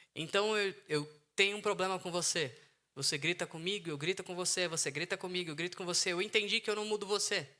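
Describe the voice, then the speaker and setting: A Brazilian psychologist speaks outdoors in the sun with a bright, fairly high male voice and a Brazilian Portuguese accent. He gives an earnest talk on emotional intelligence to an online audience, repeating key phrases for emphasis.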